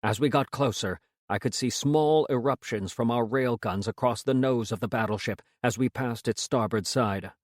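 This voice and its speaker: A man reading a first-person science fiction story as an audiobook narrator in a measured, steady way. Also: medium pitch, no room sound, clean studio sound.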